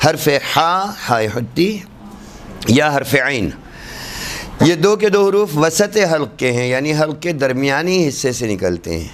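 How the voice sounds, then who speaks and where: A man giving a classroom lesson on Quran recitation, demonstrating letter sounds slowly and repeating them for students. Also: fairly high pitch, very animated, a little hiss or hum.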